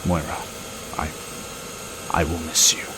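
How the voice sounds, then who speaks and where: An actor playing a calm, resolute middle-aged professor in an audio drama, earnest and authoritative. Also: male voice, rumbling low, a little slow, background noise. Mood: grave, earnest.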